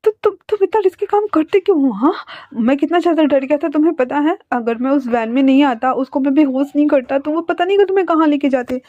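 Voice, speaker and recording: A woman's voice: high voice, brisk, warm tone, dry recording, voice pushed up, natural voice. Woman voicing a panicky young doctor guy. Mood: anxious. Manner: panicky, breathless scolding. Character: anxious young male doctor in love. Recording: dry, dull lo-fi sound.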